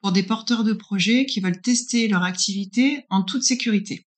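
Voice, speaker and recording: Speaking at a moderate pace in a mid-range voice, a northern French woman in her 40s is interviewed as a guest about her work as a business incubator consultant. She explains things in a conversational way, checking in as she goes.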